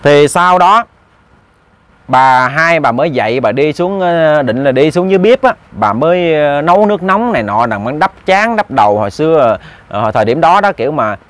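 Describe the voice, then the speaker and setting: A man's voice: mid-range voice, lively intonation, brisk, a bit bright. A man telling a ghost story in a chatty way, speaking directly to his listeners. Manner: chatty, addresses listeners directly, repeats words. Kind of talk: casual spoken storytelling.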